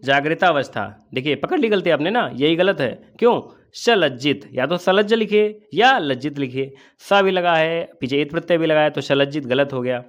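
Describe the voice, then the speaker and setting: Male exam tutor, fairly high voice, walks through answers step by step. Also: a bit bright. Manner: asks and answers his own questions. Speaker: exam coaching teacher. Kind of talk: explaining test answers.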